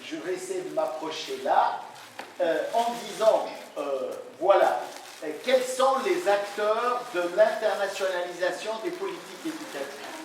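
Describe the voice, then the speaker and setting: A man's voice: high voice, expressive, measured pace. A man in his sixties giving a university lecture, hesitant, with many fillers and restarts as he explains. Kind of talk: academic conference lecture. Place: lecture hall, indoors. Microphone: distant room mic. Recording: very echoey hall from far off, faint noise.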